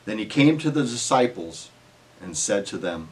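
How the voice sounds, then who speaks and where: Lively male narrator reading scripture. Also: on the low side, normal speed, recorded from a distance, poor audio.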